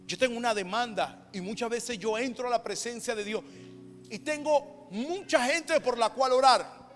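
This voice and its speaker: High-voiced Panamanian preacher, loud then hushed. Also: male voice, normal speed. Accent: Panamanian Spanish. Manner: dramatic swings from loud emphatic to hushed. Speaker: pastor. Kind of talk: sermon. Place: church sanctuary. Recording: reverberant church hall with background music.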